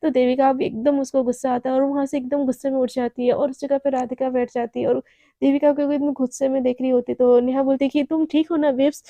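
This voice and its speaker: A woman tells a serialized romance story in a casual, chatty way, full of little fillers. Her voice is high yet mellow in tone. The recording is dry and close. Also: level tone, fast, no room sound.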